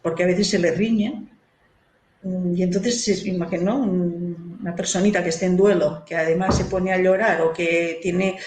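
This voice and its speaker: Speaking as an author and interview guest on children's grief, this woman explains her points earnestly and frequently ends phrases with "¿no?". She has a lowish, dark-toned voice, a steady tone, and a normal pace. There is a roomy echo with faint background noise.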